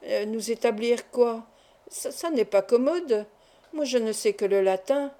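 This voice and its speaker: Stammering old schoolmaster, timid, tipsy, mellow woman's voice, storybook reading. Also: fairly high pitch, measured pace, close to an everyday voice. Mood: flustered. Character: old male Latin teacher, timid and tipsy.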